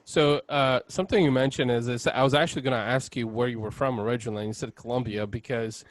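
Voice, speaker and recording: A man's voice: medium pitch, steady tone, fast, no room sound. A man from Bulgaria hosting a podcast, chatting casually and rambling with many "you know"s. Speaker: podcast host. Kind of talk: casual interview chat.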